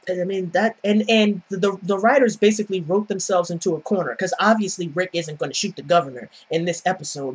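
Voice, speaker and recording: A woman's voice: mid-range voice, darkish tone, breathy edge. A woman giving a casual, opinionated TV episode review, exasperated and sarcastic, firing off repeated rhetorical questions.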